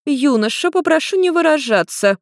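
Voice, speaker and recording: A woman's voice: fairly high pitch, lively intonation, a little slow, dry recording, studio quality, voice pushed up. A woman voicing a prim, slightly drunk witch in a storybook reading, dismissive in manner.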